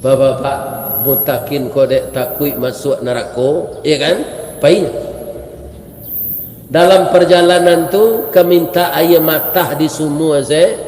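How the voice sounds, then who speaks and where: A male preacher with a Minangkabau accent telling a story in a lively sermon, often asking the audience for agreement. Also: on the high side, slow. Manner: lively, asks the audience "ya kan?". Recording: echoey hall, faint noise.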